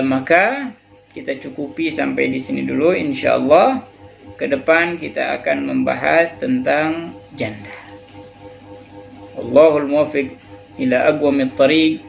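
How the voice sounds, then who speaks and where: A man's voice: a little high, vocal fry. A man with an Indonesian accent teaching a religious text, reading Arabic lines and then explaining them in casual speech. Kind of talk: kitab study lesson. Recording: dull lo-fi recording with faint music.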